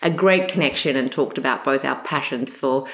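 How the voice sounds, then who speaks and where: A woman with an Australian accent hosting an interview, eager and enthusiastic. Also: very deep voice. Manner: enthusiastic, quick talking. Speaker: host. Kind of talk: interview conversation.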